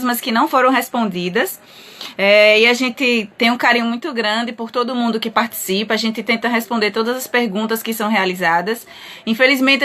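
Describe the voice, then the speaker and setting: A woman's voice: a little high, sharp tone. A woman from Brazil hosting a live-stream interview, giving polite, formal thanks and announcements.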